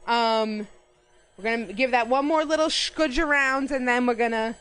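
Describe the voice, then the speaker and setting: A woman's voice: high-pitched, brisk, fairly bright tone, smooth. A woman from New York with a Long Island accent, chatting casually with viewers while she bakes on a livestream, greeting people by name and rambling through asides. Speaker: livestreamer baking on stream. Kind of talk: casual chat while baking.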